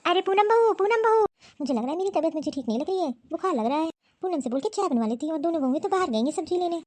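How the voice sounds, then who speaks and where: A woman plays a fussy old mother-in-law who feels unwell in a cartoon story. She complains in a high, quick voice and keeps calling for her daughters-in-law. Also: animated, warm tone, slight background noise. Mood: complaining. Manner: complaining, calls out repeatedly.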